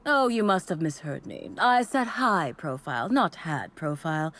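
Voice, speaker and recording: A woman voicing a devoted female cult assistant in a game, giving a chipper pitch that sags into tired resignation. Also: animated, measured pace. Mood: polite. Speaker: voiced game character.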